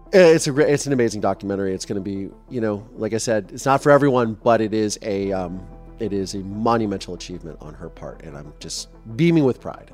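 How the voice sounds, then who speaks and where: A man in his thirties hosts his podcast in a relaxed, meandering monologue full of fillers and restarts. His voice sits on the low side, and he lets his feelings show, going soft when he is moved. Faint music plays underneath. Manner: chatty, rambling, with many fillers and restarts; openly emotional, voice softening when moved. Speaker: podcast host.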